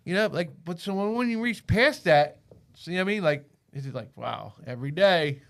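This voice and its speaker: A man's voice: a little high, animated, brisk, vocal fry. A man in his forties co-hosting a podcast, chatting casually with a rambling, profane manner. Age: 40s. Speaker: podcast co-host. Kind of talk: casual chat.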